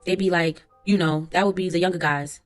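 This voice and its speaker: A woman's voice: on the low side, steady tone, a little fast, faint music behind, close to an everyday voice. A woman reading as a young male court witness. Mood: plain. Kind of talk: transcript read-aloud.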